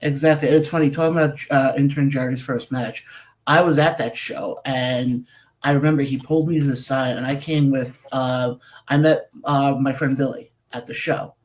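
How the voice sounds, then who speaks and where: A man with an average-pitched voice hosts a radio interview show. He chats easily, asks his guest questions, and tells anecdotes with quoted back-and-forth. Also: fairly even intonation, normal speed, rough recording. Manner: chatty, telling stories with quoted dialogue. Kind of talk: casual interview talk.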